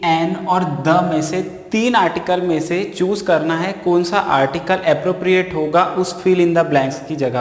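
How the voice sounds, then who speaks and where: A man teaches a grammar lesson, drawing out each example sentence slowly. He quizzes his listeners and then gives the answers himself. His voice rings in a roomy space with a long, hanging reverb. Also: fairly high pitch. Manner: asks the listener questions and answers them himself. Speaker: exam-prep English teacher. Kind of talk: classroom-style grammar lesson. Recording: echoey room with long reverb.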